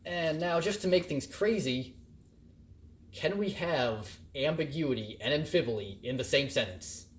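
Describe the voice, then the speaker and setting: Animated man giving a slow recorded lecture. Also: a little high, slight background noise. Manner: animated and playful, acting out examples in varied emphasis. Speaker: college instructor.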